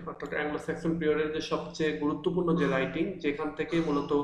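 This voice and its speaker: A man's voice: on the high side, slight background noise. A male teacher giving an online class from an empty room that echoes, explaining patiently with frequent fillers and restarts. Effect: echo from an empty room. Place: large, mostly empty room.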